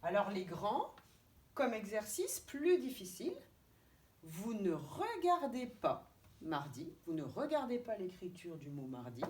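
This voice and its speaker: Slow, lively French kindergarten teacher. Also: female voice, medium pitch. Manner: slow, deliberate, stretching out syllables and letters. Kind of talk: remote video lesson for young children. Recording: distant mic with faint background noise.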